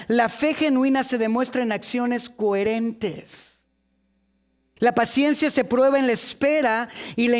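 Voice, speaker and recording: A man preaching a sermon, telling a story with jokes and acting out its characters in different voices. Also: very high voice.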